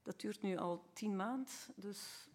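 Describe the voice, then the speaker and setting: A woman's voice: mid-range voice, measured pace, a little mellow. A woman with a Flemish accent, asking a council member detailed, earnest questions at a city council meeting.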